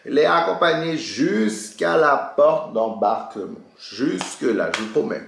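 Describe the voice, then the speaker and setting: A man's voice: a little slow, gravelly, reverberant, background noise. A man telling a story in a casual chatty way while doing his makeup, acting out dialogue with big jumps in his voice. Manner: animated, re-enacts dialogue with big pitch jumps. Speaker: beauty vlogger.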